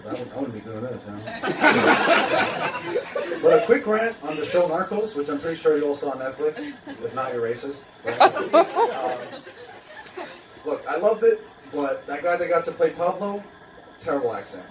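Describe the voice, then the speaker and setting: On a cramped café open-mic stage indoors, a young man from Queens, New York works through a dry, self-mocking stand-up routine full of ums and uhs, his voice on the high side, very animated, at a moderate pace. Someone in the audience films on a phone, so his handheld mic sounds distant and roomy under loud crowd laughter and room noise.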